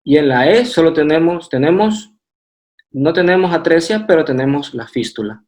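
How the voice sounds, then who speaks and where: A man's voice: on the high side, lively intonation, normal speed, a little mellow. Man giving a methodical radiology lecture. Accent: Honduran Spanish. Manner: methodical, with hesitant fillers and restarts. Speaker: radiology resident presenting. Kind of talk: academic slide lecture.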